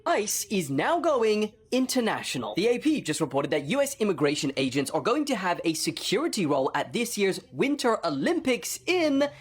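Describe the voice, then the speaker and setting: A woman delivering a news item as commentary in a brisk, newsy way. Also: mid-range voice, big pitch swings, husky.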